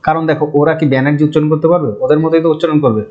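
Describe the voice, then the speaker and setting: A man's voice: fairly high pitch, level tone, rapid-fire. Man teaching exam facts, lo-fi. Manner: chatty, repeats key terms, mixes in English words. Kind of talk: exam-prep lecture. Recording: dull lo-fi sound.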